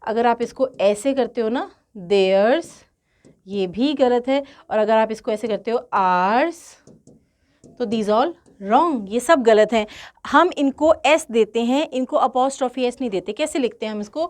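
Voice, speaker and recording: Slow-speaking woman teaching grammar. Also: a little high, darkish tone. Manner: slow, deliberate, repeats key points and asks rhetorical questions. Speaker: English grammar tutor. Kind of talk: grammar lesson mixing Hindi and English.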